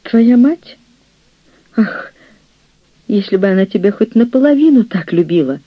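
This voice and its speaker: A man reading an audiobook, voicing an earnest, proud young gentleman who speaks with indignation. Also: high-pitched, expressive, a little slow, no echo, dull audio, voice pushed up. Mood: indignant.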